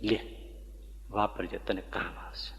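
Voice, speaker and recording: A man voicing an elderly devout woman who speaks softly and tenderly. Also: medium pitch, level tone, a little slow, voice pushed down, natural voice. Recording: echoey hall, dull lo-fi sound.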